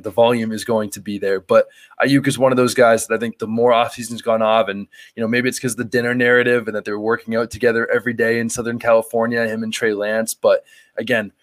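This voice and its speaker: A male podcast host chats in a loose, rambling way, padding his thoughts with fillers. His voice sits at an ordinary middle pitch. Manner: loose and rambling, full of "like" and "you know" fillers. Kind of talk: casual podcast interview.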